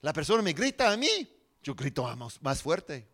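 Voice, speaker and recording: A man preaching a sermon, moving between hushed, slow lines and loud, emphatic ones with long pauses. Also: fairly high pitch, sing-song.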